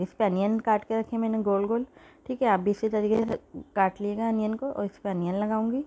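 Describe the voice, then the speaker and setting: Woman host, mellow tone, chatty home-kitchen cooking tutorial, recorded on a phone. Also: medium pitch. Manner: chatty, repeats "theek hai" often. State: sore throat, coughing.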